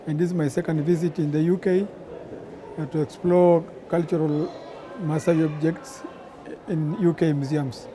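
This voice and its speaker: A man's voice: fairly high pitch, level tone, moderate pace, dark tone. A man from Tanzania, part of a Maasai delegation, explaining things in a documentary interview with hesitant fillers.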